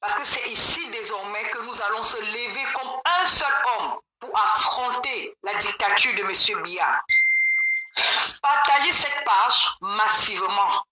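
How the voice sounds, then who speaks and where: A woman's voice: medium pitch, sharp tone. A woman caller heard over a speakerphone, giving an emphatic, rousing political address straight to the audience. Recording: roomy speakerphone call with crowd noise.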